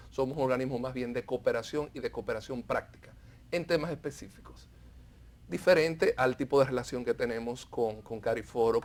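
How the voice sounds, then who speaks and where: Guy, formal diplomat type answering interview questions, measured. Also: medium pitch, a little mellow. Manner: measured, institutional. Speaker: diplomat guest.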